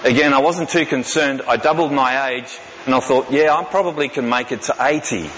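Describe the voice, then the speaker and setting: A man, preaching a sermon in a folksy, self-deprecating way, slowing down to repeat key lines for emphasis. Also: mid-range voice. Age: 50s. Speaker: pastor. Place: large church hall. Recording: reverberant hall with background noise.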